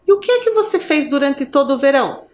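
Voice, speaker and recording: A woman's voice: high-pitched, very animated, fast talker, a little mellow, pitched above the performer's own voice. A woman with a Brazilian Portuguese accent voicing a stern female ant in a fable, asking dry, reproachful questions. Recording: roomy echo.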